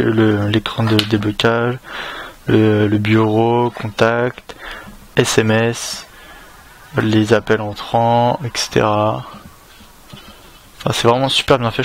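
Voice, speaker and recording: A man's voice: lowish voice, a little hiss or hum. A man with a French accent giving a casual unboxing commentary, hesitant and full of fillers and restarts. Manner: casual, relaxed. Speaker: tech reviewer.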